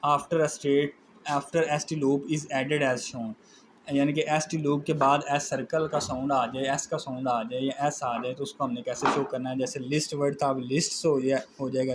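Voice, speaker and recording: A man's voice: mid-range voice, slight background noise, low-quality recording. A man with a Pakistani Urdu accent giving a methodical shorthand lesson, spelling out letters one at a time. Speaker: shorthand teacher. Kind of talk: classroom lecture explaining shorthand strokes.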